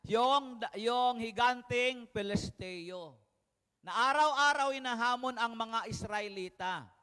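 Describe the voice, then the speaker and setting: A man's voice: very high-pitched, slow, sharp tone, clear, resonant tone. A man preaching a sermon to a congregation, telling the story vividly and asking them questions. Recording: reverberant hall.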